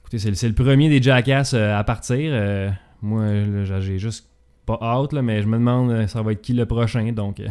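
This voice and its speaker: A man's voice: on the low side, steady tone, moderate pace, darkish tone, clean tone. A man with a Québécois accent hosting a casual talk show, hesitant and full of filler sounds. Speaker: podcast host. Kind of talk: casual chat.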